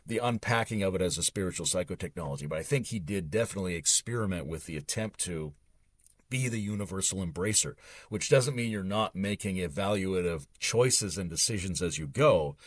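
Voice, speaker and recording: Low-voiced man explaining philosophy fluently. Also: no room sound. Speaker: podcast guest, author. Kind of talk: philosophical conversation.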